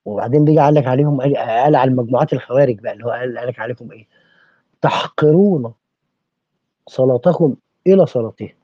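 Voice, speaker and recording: Fast, husky Egyptian man preaching. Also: mid-range voice, dry recording. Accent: Egyptian Arabic. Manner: preachy, fires rhetorical questions. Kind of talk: impassioned podcast discussion. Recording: dull lo-fi recording.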